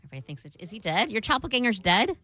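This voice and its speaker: A woman co-hosting a call-in radio show, playful and quick with asides, laughing easily. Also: mid-range voice, sing-song, sharp tone. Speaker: radio co-host. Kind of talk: casual call-in radio banter.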